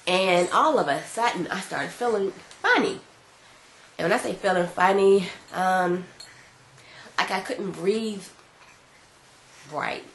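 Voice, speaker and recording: A woman's voice: fairly low pitch, takes it slowly, pauses often. A congested woman vlogging at home, casually telling a personal story and acting out the dialogue. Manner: animated retelling, acting out quoted dialogue. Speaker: vlogger mother. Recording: echoey room with faint background noise.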